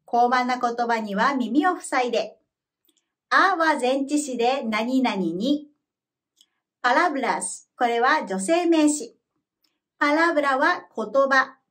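A high-voiced woman teaches a scripted language lesson, explaining each word clearly and in a measured way. Calm and even like a teacher guiding learners, she gives slow, careful model pronunciation for repeating.

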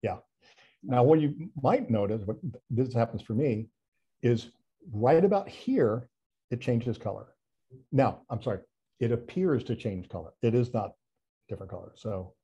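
Husky, mellow-voiced man giving a chatty presentation. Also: medium pitch, lively intonation, normal speed, lo-fi sound. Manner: chatty, self-deprecating, many restarts and fillers. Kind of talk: casual online talk presentation. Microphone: video call.

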